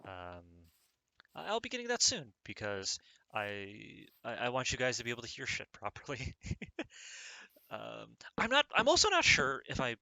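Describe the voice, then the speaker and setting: A man talks his way through a let's-play in an earnest, wandering fashion, often restarting his sentences. His voice is bright and forward and his pitch swings widely. He is recorded on a cheap microphone. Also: huge pitch swings, normal speed, vocal fry, no echo, rough recording. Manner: earnest, meandering musing with many restarts. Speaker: gaming channel host. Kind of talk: casual let's-play commentary.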